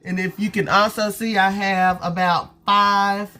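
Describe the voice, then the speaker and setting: Congested from a cold, a woman cooks in her kitchen and talks straight to her viewers in a chatty way. Her mid-range voice is pushed and bright, somewhat slow, and barely moves in pitch.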